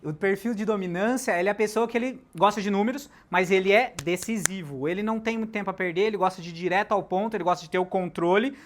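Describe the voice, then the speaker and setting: A man giving a live sales lecture, animated, shifting loudness and pace for emphasis and throwing questions at the audience. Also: high voice, fast talker, hardly any pauses, a little hiss or hum. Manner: talks directly to the audience with questions.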